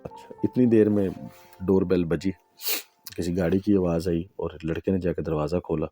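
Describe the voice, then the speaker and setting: A man's voice: low voice, steady tone, mellow, faint music behind. A man telling a first-person true horror story in a conversational way, with fillers and asides.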